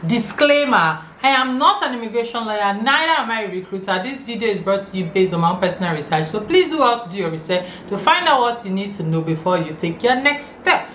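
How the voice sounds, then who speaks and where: A woman's voice: medium pitch, lively intonation, brisk, hardly any pauses, fairly bright tone. Nigerian-accented woman in an echoey room. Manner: emphatic, repeats key phrases. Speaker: video channel host. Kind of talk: informal explainer to camera. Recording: echoey room, faint background noise.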